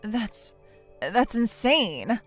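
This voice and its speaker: This is a defensive wife who whines and stumbles over her words. A text-to-speech woman voices her a little high. Soft music runs quietly behind her. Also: very animated, extremely slow, heavily acted. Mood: anxious. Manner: whiny, hesitant. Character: defensive, self-pitying young wife.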